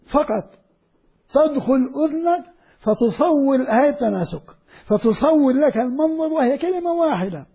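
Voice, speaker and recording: Older man lecturing, high husky voice. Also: warm tone. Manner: explains slowly, repeating words and stretching recited phrases. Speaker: Quran lecturer. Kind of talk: classroom lecture.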